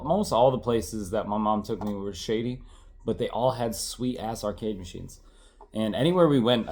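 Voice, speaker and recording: A tired, congested man in his thirties rambles casually while showing off his old game collection, correcting himself and swearing now and then. His voice sits on the low side with a darkish tone.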